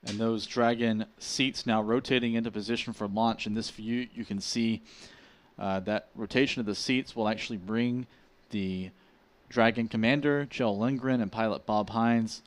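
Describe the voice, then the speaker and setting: A man giving measured, explanatory live broadcast commentary as a launch commentator. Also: lowish voice, fairly even intonation.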